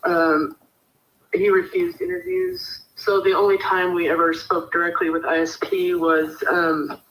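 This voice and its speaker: A woman's voice: fairly low pitch, animated, a little slow, fairly bright tone. A woman being interviewed over a speakerphone, speaking hesitantly with many fillers. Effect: heard over a speakerphone. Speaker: interviewee, mother of the deceased. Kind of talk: remote interview. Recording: echoey speakerphone with faint hiss.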